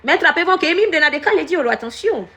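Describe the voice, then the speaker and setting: Lady on a live stream, high voice that swings all over, scolds people in chat. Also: very fast. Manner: animated, scolding viewers by name, mixing French with Ewe. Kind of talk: casual live commentary.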